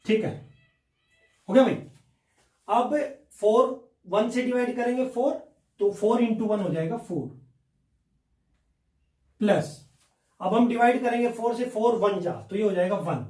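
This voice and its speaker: Here a high-voiced man leads a maths class, guiding students through each step and posing questions he then answers himself. He's unhurried and a little mellow, pausing often. The distant mic captures a roomy, echoing space.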